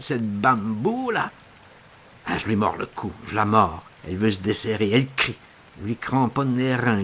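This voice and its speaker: A middle-aged man reading a first-person novel aloud, theatrical and impassioned, dropping to a hush and then rising loud. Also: medium pitch, creaky, slight background noise. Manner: impassioned, theatrical, swinging between hushed and loud. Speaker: audiobook reader.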